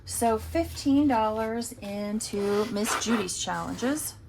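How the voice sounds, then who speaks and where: A woman's voice: fairly high pitch, expressive, takes it slowly, gravelly, background noise. A woman casually talking through her savings challenges, chatty and thinking aloud as she counts. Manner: chatty, talks to herself while counting. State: has the hiccups. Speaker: budgeting vlogger.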